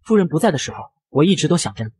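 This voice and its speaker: An arrogant demon lord dotes on his wife in tender tones, read by a man. The voice is a bit high for a man and hurried. It sounds dry and close. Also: sing-song, a little mellow, breathy edge, dry recording. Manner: tender, indulgent.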